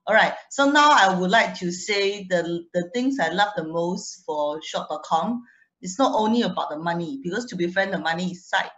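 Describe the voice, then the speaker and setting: A young adult woman, a guest speaker whose accent is foreign rather than Singaporean, talks chattily through a personal testimonial, laughing a lot and restarting words. Her pitch is fairly low, her tone fairly bright, and the sound is lo-fi.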